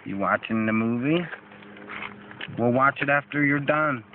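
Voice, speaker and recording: A woman's voice: a bass voice, measured pace. Older woman on tinny old camcorder audio. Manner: encouraging, cheering a child on. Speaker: grandmother filming a child. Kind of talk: casual home-video commentary. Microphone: built-in camcorder mic. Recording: tinny lo-fi camcorder with loud noise.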